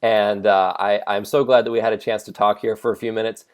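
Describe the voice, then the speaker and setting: Fast-talking encouraging male interview host. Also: on the low side, level tone. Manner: affirming, encouraging, many short backchannels. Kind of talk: interview conversation.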